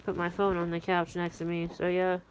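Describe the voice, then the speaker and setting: Briskly and in a monotone, a woman with a fairly low voice rambles to her phone in a casual, matter-of-fact way, half talking to herself. She is an amateur weather radio vlogger recording in a room at home at night. Audio is poor and handheld, with faint background noise behind her.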